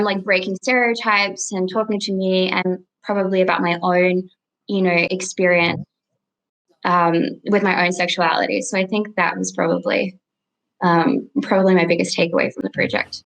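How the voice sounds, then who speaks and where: A woman's voice: mid-range voice, moderate pace, rough recording. Australian woman chatting with ums. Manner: relaxed, lots of ums and likes. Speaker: podcast guest. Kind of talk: casual interview chat.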